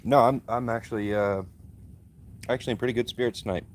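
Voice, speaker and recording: A man with a monotone voice, hosting a casual live stream from his phone by a backyard fire and answering chat with easygoing fillers. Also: medium pitch, fast. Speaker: livestream host. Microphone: phone, streaming from mobile.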